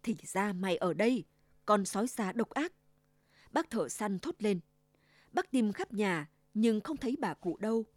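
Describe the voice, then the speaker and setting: A woman narrating a children's fairy tale in an expressive, storytelling way. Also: medium pitch, no echo.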